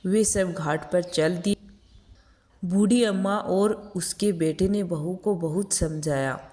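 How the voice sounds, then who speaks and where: A woman telling a devotional folk tale in a slow, deliberate way. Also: lowish voice, warm tone. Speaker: storyteller.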